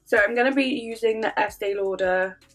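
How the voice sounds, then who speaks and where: Slightly high-pitched and a little quick, this woman talks through a makeup tutorial in a sniffly, stuffed-up voice. She's a chatty vlogger who leans heavily on fillers like "um" and "like," and soft music plays in the background.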